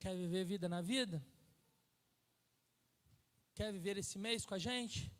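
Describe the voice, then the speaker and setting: A Brazilian man preaching a sermon as pastor, telling stories with acted-out dialogue and climbing to near-shouts at the peaks. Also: high-pitched, slow pace. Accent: Brazilian Portuguese. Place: church hall. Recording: long church hall reverb.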